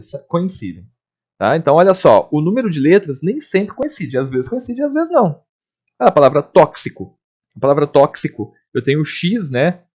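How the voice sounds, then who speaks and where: A man teaching a recorded lesson, explaining step by step and often checking in with his listeners. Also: a little high. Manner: lively, explanatory, frequent check-ins with listeners. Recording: dull lo-fi recording.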